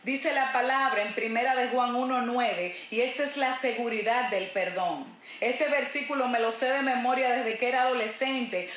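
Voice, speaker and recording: A woman's voice: a little high, fairly bright tone. A woman pastor preaching a sermon in an emphatic way, repeating her key phrases. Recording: roomy echo.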